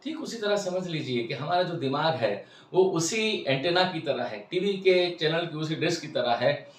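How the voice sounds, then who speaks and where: Older man, 60s, earnest and emphatic wellness host; fairly high voice, roomy and far from the mic. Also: expressive, normal speed. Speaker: health and wellness channel host. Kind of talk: explanatory talk to camera.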